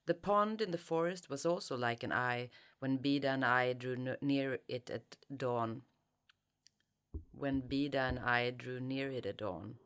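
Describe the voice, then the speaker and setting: A Swedish woman writer, accented and thoughtful, has an extremely low, gravelly voice with a clean tone. She pauses to search for words as she discusses her work in an interview and reads passages from her novel.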